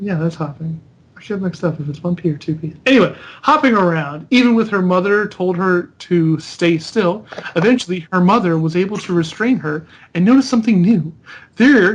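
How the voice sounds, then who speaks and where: A man hosting an unscripted podcast critique, reading a character bio aloud and stopping to mock and correct it. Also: high-pitched. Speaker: podcast host.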